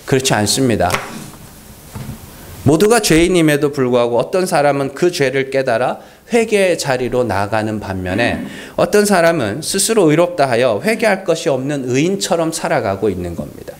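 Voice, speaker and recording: A man's voice: medium pitch, big pitch swings, moderate pace. A male pastor preaching a Sunday sermon, asking rhetorical questions and acting out mocking dialogue.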